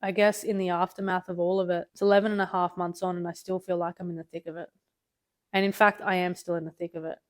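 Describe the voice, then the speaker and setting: A woman's voice: on the low side, little pitch movement, quick pace. A young woman hosting a podcast, talking candidly and earnestly and swearing freely. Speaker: podcast host.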